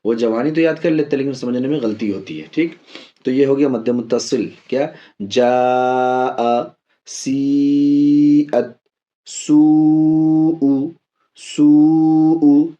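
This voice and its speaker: A man's voice: medium pitch, dark tone, muffled recording. Patient man teaching Quran reading. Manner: patient, spells out letters slowly and repeats drills. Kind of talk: step-by-step Quran lesson.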